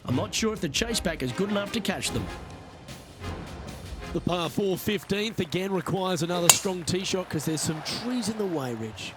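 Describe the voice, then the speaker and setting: Male golf play-by-play caller, measured and polished, higher voice, music bed behind. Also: expressive. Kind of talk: scripted video game sports commentary. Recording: commentary over game music.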